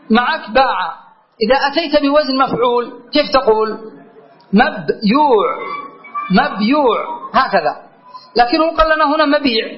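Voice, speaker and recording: A man teaching a grammar lesson, asking his students questions and repeating key words. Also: very high voice. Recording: dull lo-fi lecture recording.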